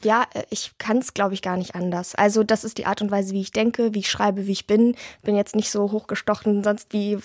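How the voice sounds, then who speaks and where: A woman's voice: medium pitch, flat delivery, a little fast, hardly any pauses, no echo, clean studio sound. A woman author answering interview questions in a candid, chatty way with many fillers and restarts.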